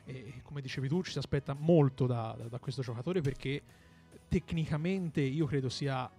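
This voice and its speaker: Faint music plays behind a man whose dark-toned, medium-pitched voice moves at normal speed. Co-hosting a football show as a pundit, he analyses matches conversationally, often hunting for words and going over the same points again.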